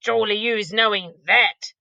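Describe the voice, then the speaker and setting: A woman with a mid-range, creaky voice reads unhurriedly from a storybook, playing an enormous, ancient, kind-hearted male giant with muddled grammar. Her delivery is lively storytelling; the audio is dull with no room sound.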